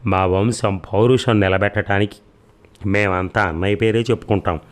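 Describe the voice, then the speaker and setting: A man's voice: fairly low pitch, steady tone, moderate pace, natural voice. A man reading the part of a selfish, indignant woman, a sister-in-law, in an audiobook story. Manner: sharp, indignant.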